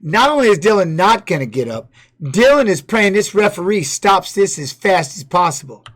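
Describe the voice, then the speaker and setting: A middle-aged man streaming, loudly telling stories and reacting to fight videos with plenty of swearing. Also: high voice, very animated, moderate pace. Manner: loud, profane storytelling with laughs. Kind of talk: casual stream chat.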